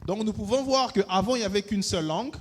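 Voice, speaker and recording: A man with a notably high voice preaches in short bursts, stopping after each phrase so it can be interpreted. He repeats "amen" between points. His voice carries a long hall reverb. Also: fast talker. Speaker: pastor. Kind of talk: sermon with live interpretation.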